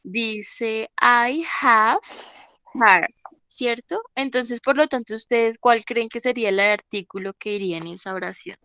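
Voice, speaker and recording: A woman's voice: fairly high pitch, a little slow, sharp tone, smooth, no echo. A woman teaching an English class online, explaining patiently and often checking that students follow. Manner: patient, checks understanding with frequent "¿listo?".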